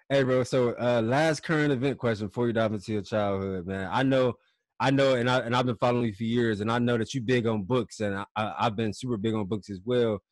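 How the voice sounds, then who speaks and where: A man's voice: medium pitch, no echo. A man hosting a podcast interview, a former college football player who agrees often and asks questions in a casual way. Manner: affirming, quick to agree and laugh along.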